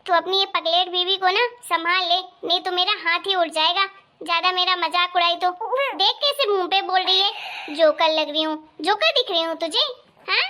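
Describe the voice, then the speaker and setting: Woman doing a cartoon mother-in-law, super high bright voice, snaps and threatens nonstop. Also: moderate pace, slight background noise. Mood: scolding. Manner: shrill scolding, threatening. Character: scolding short-tempered mother-in-law. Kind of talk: cartoon story voice acting.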